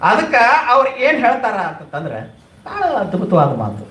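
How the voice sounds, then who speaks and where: Emphatic North Karnataka preacher, echoey hall. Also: male voice, huge pitch swings, normal speed, a bit bright, a little hiss or hum. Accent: North Karnataka Kannada. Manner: emphatic, repeats phrases, sweeping pitch swings. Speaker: religious discourse speaker. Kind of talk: sermon.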